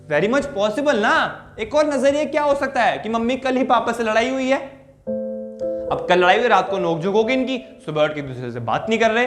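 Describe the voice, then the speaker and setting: A young man, a psychologist, talking through everyday examples in a casual explanatory way and checking in with "right?" and "okay?" as he goes. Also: high-pitched. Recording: steady music underneath the voice.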